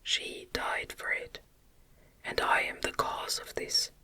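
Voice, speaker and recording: In a storybook reading, a woman voices an anguished, guilt-ridden young man. She speaks slowly in an impassioned, breathy whisper with a sharp tone.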